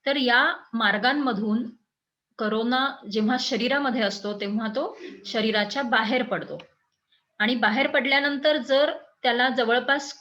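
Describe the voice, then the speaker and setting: A woman giving an explanatory health talk as an educator, in a measured teaching tone with frequent pauses and fillers. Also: fairly high pitch, fairly bright tone, rough recording.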